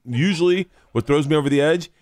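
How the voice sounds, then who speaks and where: A man's voice: a little high, quick pace, darkish tone, no echo. Man, young adult, podcast co-host, rambling, swearing, dry close sound. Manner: rambling storyteller, swears, acts out quotes. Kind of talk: casual chat.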